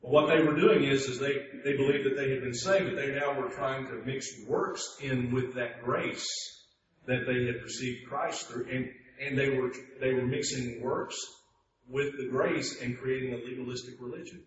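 Man preaching a sermon, goes quiet then loud, dull lo-fi sound, faint hiss. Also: fairly even intonation. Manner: swings from hushed and slow to loud and high-pitched emphasis. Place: church sanctuary. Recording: echoey hall, distant mic, dull sound, faint noise.

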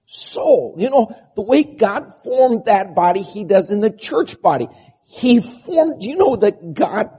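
Male preacher, sermon delivery. High-pitched, mellow tone, strained and bleating, lots of rhetorical questions and listing. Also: husky. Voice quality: strained, quavering, bleating voice from a vocal disorder (spasmodic dysphonia). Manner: rhetorical questions and repeated lists. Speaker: preacher and church pastor.

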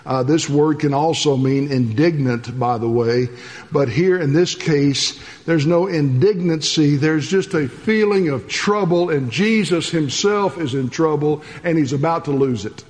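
Earnest pastor guy, slow sermon, kinda high voice, big echoey hall. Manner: earnest, swinging between soft and rising emphasis.

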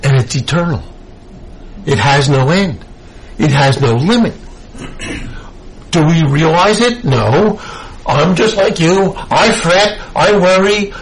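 Slow, earnest preaching man. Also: on the high side, expressive, slight background noise, low-quality recording. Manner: slow, emphatic preaching with rising bursts of fervor. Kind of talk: sermon.

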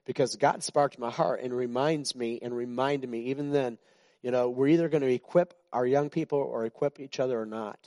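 Speaking fairly quickly in a dark, medium-pitched voice, a man in his sixties delivers a casual sermon to his congregation. He jokes with them and often starts his sentences over, all captured in a dry recording.

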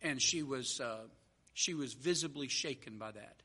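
A man's voice: medium pitch, normal speed, pushed and bright, slightly rough. A man preaching a sermon, telling a story and then driving home his point with earnest, repeated phrases.

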